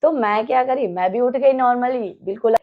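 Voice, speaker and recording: An animated young woman tells a spooky story to her family, acting out each scene as she goes. Her voice sits a little high for a woman, and she talks in a relaxed, chatty way. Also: moderate pace, narrow, tinny audio. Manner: animated, acts out scenes and quotes. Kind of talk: casual storytelling of a ghost experience.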